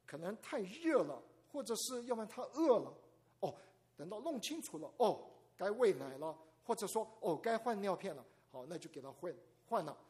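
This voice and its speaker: A man's voice: high-pitched, moderate pace. An older man preaching a sermon to a congregation, telling stories with animation, asking the listeners questions and acting out little scenes. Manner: animated storytelling, asks the audience questions and acts out scenes.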